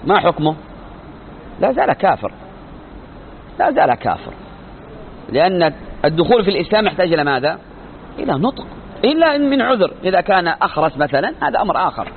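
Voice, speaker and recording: A man's voice: high voice, sing-song, rapid-fire, gravelly. A man teaching a religious lesson in an emphatic style, asking rhetorical questions and answering them himself. The recording sounds thin and narrow, with faint noise behind him. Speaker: sheikh teaching creed. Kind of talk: religious lecture.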